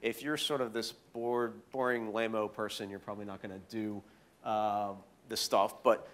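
A man telling goofy stories in a casual interview, animated and full of fillers. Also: on the low side, moderate pace, a little hiss or hum. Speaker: guest speaker.

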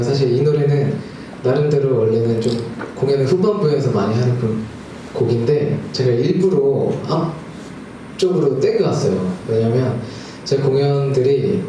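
A man in his thirties, a singer-songwriter playing live, chats with his audience between songs in a friendly, slightly nervous way at a small music club. His voice is mid-range with a dark tone and a little hiss or hum. The recording is echoey, with a distant mic and music in the background.

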